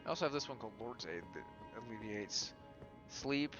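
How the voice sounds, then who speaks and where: A man's voice: brisk, muffled recording. A man with a Southern accent chatting casually and swearing while playing a co-op game with a friend. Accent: American Southern. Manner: laid-back, swears, lively swings in pitch. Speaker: streamer playing co-op. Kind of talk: casual gaming chat. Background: game music.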